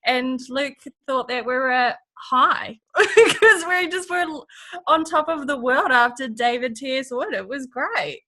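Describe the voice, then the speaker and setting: A woman sharing a story on a team video call, giggly and animated. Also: high voice, unhurried. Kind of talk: casual chat.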